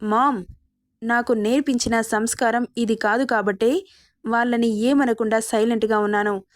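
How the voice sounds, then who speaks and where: A woman's voice: fairly high pitch, fairly even intonation, moderate pace, no echo, clean studio sound, natural voice. A woman reading the lines of a young man who speaks bluntly and defiantly to his relatives and mother in a storybook narration. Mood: firm.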